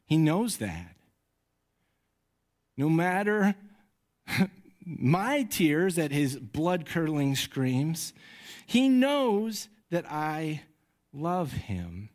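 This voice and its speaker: A man in his thirties preaching a sermon on a microphone in a church, conversational and animated when he tells stories. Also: on the high side, very slow, pauses often. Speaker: pastor. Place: church sanctuary. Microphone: handheld or headset mic.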